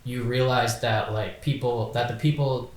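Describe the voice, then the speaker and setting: A man's voice: mid-range voice, fairly even intonation, normal speed, reverberant. A man in his twenties, a podcast guest talking casually and hesitantly, full of fillers and restarts. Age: 20s. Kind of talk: casual chat.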